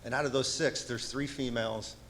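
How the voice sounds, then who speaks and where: Male city councilor, mid-pitched voice, upbeat, chatty ceremony remarks. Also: steady tone, a little fast, fairly bright tone, slight background noise.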